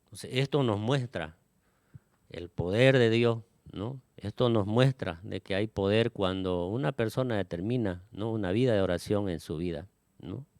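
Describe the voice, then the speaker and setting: Smooth-voiced male preacher, dry sound. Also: lowish voice, moderate pace, a little mellow, dry recording. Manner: tags phrases with a questioning "¿no?" and "este" fillers. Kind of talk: sermon.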